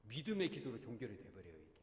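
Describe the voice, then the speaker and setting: Lively, animated preacher in an echoey hall. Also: male voice, medium pitch, rapid-fire. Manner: animated preaching, acting out quoted voices, asking the congregation questions. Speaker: pastor. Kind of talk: sermon. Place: church sanctuary.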